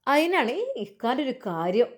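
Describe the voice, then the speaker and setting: A woman's voice: a little high, sing-song, normal speed. A woman voicing an arrogant, spiteful young wife, scolding and sneering in a storytelling piece. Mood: scornful. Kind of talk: storytelling with acted voices.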